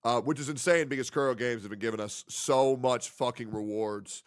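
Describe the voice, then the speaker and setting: A man's voice: medium pitch, moderate pace, clear, resonant tone. A man streaming live, talking in a hyped, slangy way and swearing freely. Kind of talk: casual stream chat.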